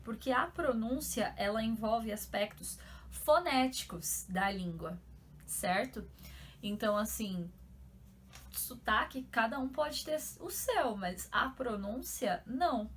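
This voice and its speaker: A young woman from São Paulo with a São Paulo accent, explaining things in a chatty, animated vlog style full of fillers. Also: fairly high pitch, unhurried, slight background noise. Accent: São Paulo Portuguese. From São Paulo, Brazil. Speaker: YouTuber.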